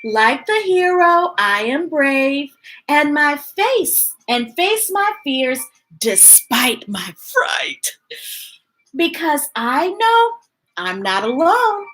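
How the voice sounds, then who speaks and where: A high-pitched woman stretches out her words while hosting a children's story time, reading picture books expressively and chatting with viewers in a playful, gushing, animated way. The audio quality is poor.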